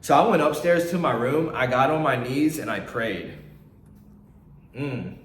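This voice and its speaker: Young male vlogger, earnest and choked up, mid-pitched voice, roomy echo. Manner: earnest, halting, with many restarts. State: close to tears. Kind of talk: emotional personal storytelling. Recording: echoey room.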